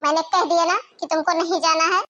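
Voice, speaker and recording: A woman voicing a strict old mother-in-law in a cartoon, scolding in high calls and coughing often. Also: fairly even intonation, brisk, pushed and bright, dull audio. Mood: stern. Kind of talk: cartoon voice acting.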